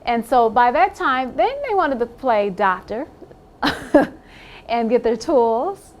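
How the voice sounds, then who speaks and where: A woman's voice: a little high, expressive, slow pace. A woman in an interview giving a candid personal account, blunt and emphatic, swearing now and then and laughing wryly.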